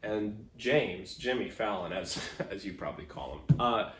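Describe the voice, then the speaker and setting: A man's voice: on the low side, measured pace, fairly bright tone. A young man hosting a casual interview chat, joking and laughing often. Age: young adult. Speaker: host. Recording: roomy with faint noise.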